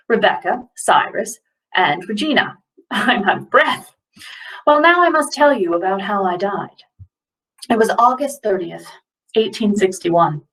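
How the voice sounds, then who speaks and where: A woman's voice: medium pitch, a bit bright. Actress as a scatterbrained 19th-century mother's ghost, rambling, mic a bit far off. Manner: rambling, scatterbrained, loses her train of thought. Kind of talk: first-person historical monologue.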